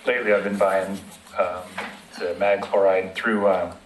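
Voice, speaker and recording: A man with a somewhat low voice speaks plainly and practically at a public committee meeting, explaining things with everyday examples. The room is echoey and a faint background hum sits under his voice. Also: little pitch movement, a little slow. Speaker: city road maintenance staff presenting.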